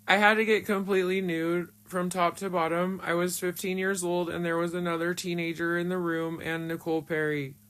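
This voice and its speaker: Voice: medium pitch, flat delivery, a little fast, hardly any pauses, a bit bright, clear, resonant tone. A speaker with a disguised voice tells a story from their own past in casual spoken style. They talk bluntly and frankly, with frequent swearing. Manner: blunt and frank, swears often, emotional retelling.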